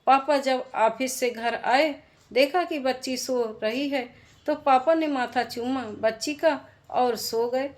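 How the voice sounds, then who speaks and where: A woman narrating an emotional moral story in a slow, heartfelt manner. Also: high voice.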